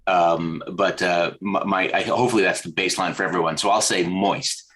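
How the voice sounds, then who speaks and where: Deep-voiced man, animated storyteller. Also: a little fast, poor audio. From American South. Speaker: podcast guest, creative director. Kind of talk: casual interview conversation.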